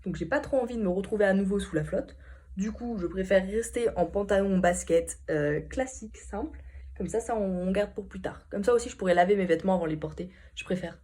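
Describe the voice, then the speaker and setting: A woman's voice: mid-range voice, fairly quick, mellow. Chatty young French-speaking woman. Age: young adult. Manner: chatty, rambling, laughs often. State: starting a cold. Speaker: vlogger. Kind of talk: casual vlog chat. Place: hotel room. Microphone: phone camera.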